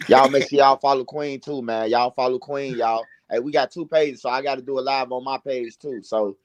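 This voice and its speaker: A man's voice: medium pitch, fairly even intonation, moderate pace. A man hosting a livestream, chatting and telling stories casually in slangy, profanity-laced street talk. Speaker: livestream host. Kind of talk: casual livestream chat and storytelling.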